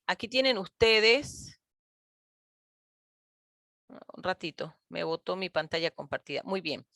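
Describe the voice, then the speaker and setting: A woman's voice: mid-range voice, a bit bright, no room sound. Woman teacher explaining grammar over a video call, patient, keeps checking in with the kids, dry close sound. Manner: patient, calls pupils "mis niños" and "chicos", often checks with "¿ok?". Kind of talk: online grammar lesson. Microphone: computer mic on a video call.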